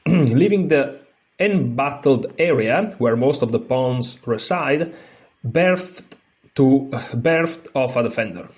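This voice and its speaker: A chess channel host, a non-native speaker with an Italian accent, gives a lesson in a mid-range, darkish voice. He reads from a book haltingly, with fillers and restarts, before explaining more freely.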